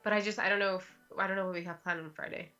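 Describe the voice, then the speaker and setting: A woman's voice: mid-range voice, steady tone, very fast, sharp tone, lo-fi sound, faint music behind. A woman co-hosting a casual livestream, telling stories in a chatty way with lots of restarts. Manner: chatty storyteller, many restarts and "like". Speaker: livestream co-host. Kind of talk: casual chat.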